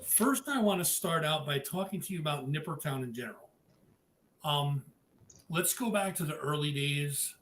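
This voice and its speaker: A man hosting a live-streamed interview, upbeat and chatty, giving shout-outs to viewers. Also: fairly high pitch, animated, moderate pace. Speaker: podcast host. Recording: echoey room with faint noise.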